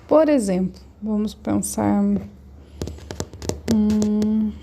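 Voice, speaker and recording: A woman's voice: medium pitch, drawn-out words, creaky, dark tone, a little hiss or hum. A woman teacher, patiently explaining textbook exercises step by step for her young pupils in a remote class. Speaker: primary school teacher.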